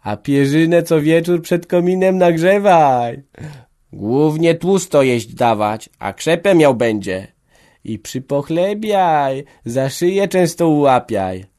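A man's voice: a little high, expressive, takes it slowly, dark tone, voice pushed up. A man voicing tipsy village women giving bawdy, chattering advice. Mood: cheeky. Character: tipsy, cheeky village women, middle-aged.

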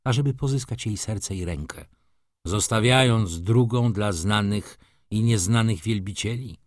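A man's voice: on the low side, a little slow, no echo, studio quality, natural voice. A man reading an audiobook, voicing a bitter, brooding middle-aged merchant who speaks in a restrained, cool way. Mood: cold bitter.

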